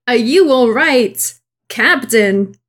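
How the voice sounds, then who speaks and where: A host reading a gamebook aloud voices the young child hero of the story in a high, loud voice. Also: lively intonation, slow pace, noisy background. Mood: earnest. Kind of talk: playful read-aloud role-play.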